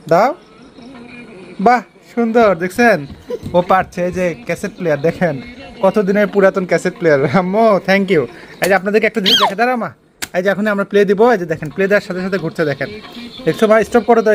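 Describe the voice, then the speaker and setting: Lowish-voiced mother coaxing her child. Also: slight background noise. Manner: coaxing, encouraging her small daughter while addressing viewers. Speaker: mother showing her vintage cassette player. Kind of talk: casual home video narration. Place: indoors at home at night.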